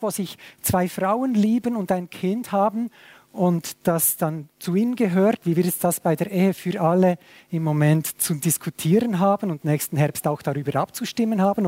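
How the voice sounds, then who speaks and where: A man's voice: high voice, warm tone, no room sound. A man preaching a sermon to a small church, conversational and full of questions. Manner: conversational, asks many questions. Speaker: pastor.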